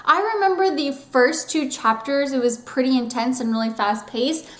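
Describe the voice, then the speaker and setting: A woman's voice: sits high, lively intonation, moderate pace. A young woman hosting a book vlog, talking casually and rambling with lots of "like" fillers. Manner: chatty and rambling, heavy use of "like". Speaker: book vlogger. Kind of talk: casual chat to camera. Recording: roomy echo.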